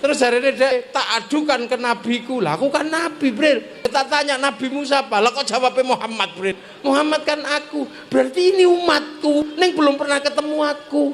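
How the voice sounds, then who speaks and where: A man with a Javanese accent voicing a gentle, patient prophet explaining calmly in a story. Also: extremely high pitch, normal speed, few pauses, a little hiss or hum. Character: gentle patient male prophet, calm and kind.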